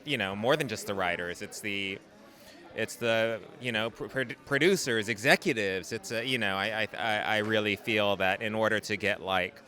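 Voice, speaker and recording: A man with a lowish, bright and forceful voice is interviewed on a red carpet. His delivery is halting, with words often repeated as he forms his thought. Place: red carpet at an awards event.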